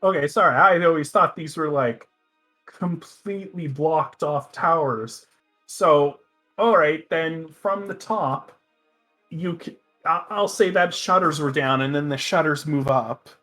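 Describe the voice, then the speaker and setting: Man, game master, fairly high voice, halting fantasy narration, music underneath. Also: bright, forceful tone.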